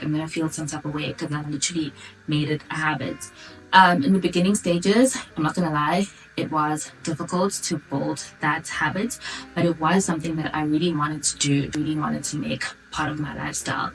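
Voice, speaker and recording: A 28-year-old South African woman from Durban chatting informally to her viewers in a casual question-and-answer vlog. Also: low voice. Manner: chatty, informal, girl-talk address to viewers. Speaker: vlogger. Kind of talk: casual Q&A chat to camera. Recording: distant mic, background music.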